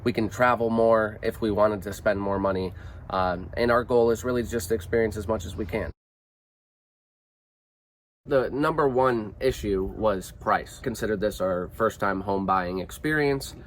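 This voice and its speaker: A man's voice: on the low side, normal speed, low-quality recording. A man co-hosting a van-life vlog, speaking to viewers in a plain, informal, conversational way, recorded inside a camper van. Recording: clear background noise, ambience.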